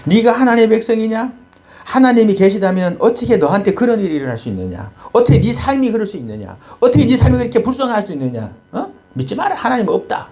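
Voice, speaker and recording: A man's voice: high voice, sing-song, fast talker, darkish tone, voice pushed up. A man acting out Satan mocking a believer with needling questions about why life has gone so badly. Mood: taunting. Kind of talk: acted quote in a sermon.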